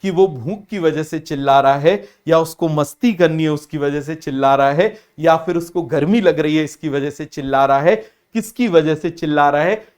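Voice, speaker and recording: Young male biology tutor, a bit high, lively, keeps quizzing students, acts out skits. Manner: lively, asks the class often; acts out family scenes in other voices. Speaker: teacher. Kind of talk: biology lecture with comic examples.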